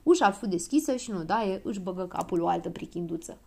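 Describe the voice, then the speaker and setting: A woman narrating a children's audiobook with expressive storytelling. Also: fairly low pitch, gravelly.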